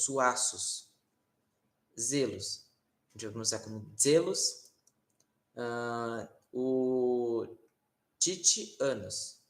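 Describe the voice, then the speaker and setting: A man with a Brazilian Portuguese accent giving a casual online Latin lesson, explaining slowly with many fillers and tag questions. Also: medium pitch. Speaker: Latin teacher. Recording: roomy echo.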